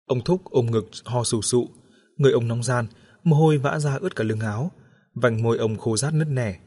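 A man reading a scripted horror story with steady, measured narration. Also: mid-range voice, husky.

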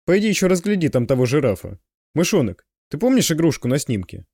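A man's voice: fairly high pitch, sing-song, quick pace, warm tone, slightly rough, no echo, heavily acted. A man voicing a tough male stalker who speaks bluntly with dry irony. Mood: wry.

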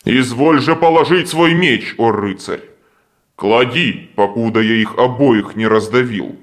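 A man reading an audiobook, voicing a menacing ghostly male monster with slow, solemn, old-fashioned threats. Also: medium pitch, lightly acted. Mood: commanding. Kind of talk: audiobook character voice.

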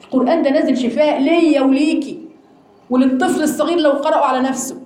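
An Egyptian woman teaching a religious lesson to a class of women, animated and asking them rhetorical questions. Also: sits high, quick pace, echoey room. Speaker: Quran teacher.

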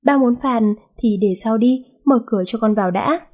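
A woman's voice: fairly high pitch, moderate pace, dark tone, close to an everyday voice. A woman voicing a cheeky, carefree young woman with a teasing manner. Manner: cheeky, laughing.

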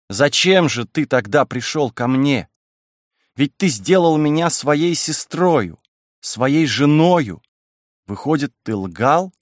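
A man voicing a wild, passionate young woman, raising his voice to sound higher and speaking with a pleading, impassioned manner in a dry room. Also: no room sound, close to an everyday voice. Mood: bitter.

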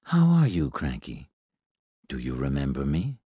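A man voicing a calm, gentle male robot priest who talks quietly. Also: extremely low pitch, measured pace, husky, no echo, voice pushed down, heavily acted.

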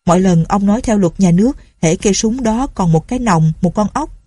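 A woman's voice: mid-range voice, expressive, fairly quick, no room sound, close to an everyday voice. A woman reading a story aloud, voicing an anxious, loyal old male servant. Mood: puzzled. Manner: anxious, soft-spoken.

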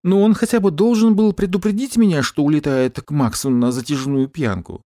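A man's voice: fairly high pitch, brisk, dark tone, no echo, studio quality, pitched above the performer's own voice, natural voice. A man reading aloud and voicing an anxious, emotional young woman who pleads and frets. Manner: pleading, tearful.

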